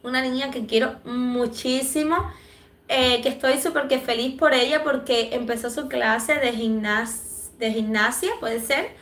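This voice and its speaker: A Cuban woman with a Cuban Spanish accent, hosting a livestream and reading viewer comments in a chatty, affectionate way, clearing her throat from allergies. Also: on the high side, steady tone, a little slow, fairly bright tone, echoey room. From Cuba. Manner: chatty and affectionate, many fillers. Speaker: livestream host.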